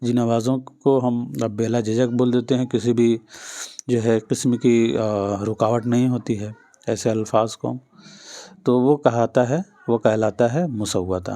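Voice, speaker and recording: Mellow-voiced male teacher drilling exam answers. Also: medium pitch, steady tone. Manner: patient, repeats each answer, addresses listeners directly. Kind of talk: exam-prep lesson.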